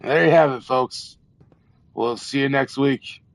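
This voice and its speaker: A man hosting a casual live game stream, talking in a loose, rambling, drunk manner with a gravelly voice. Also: medium pitch, unhurried, no echo, faint music behind. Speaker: livestream gamer host.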